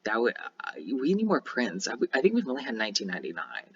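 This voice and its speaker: A young man casually commentating a game he plays, chatty and excitable, with many ums and restarts. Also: medium pitch, quick pace, vocal fry, highs cut off, slight background noise. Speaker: gaming YouTuber.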